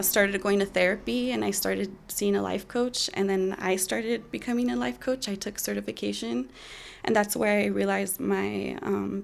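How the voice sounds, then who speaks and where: A young woman in her twenties telling a personal story in a candid, halting way with many fillers. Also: medium pitch, gravelly. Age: 20s.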